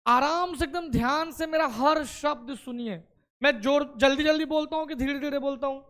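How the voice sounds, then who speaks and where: A man's voice: very high-pitched, moderate pace, a bit bright. A man teaching chemistry to a classroom of students. He explains step by step and keeps asking the class questions.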